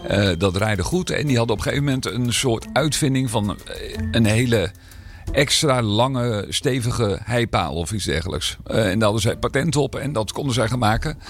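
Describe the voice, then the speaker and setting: A man's voice: mid-range voice, lively intonation, normal speed, soft background music. A man serving as mayor, talking in a podcast interview with a slight cold, hesitant and full of fillers and restarts. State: slight cold, rough throat.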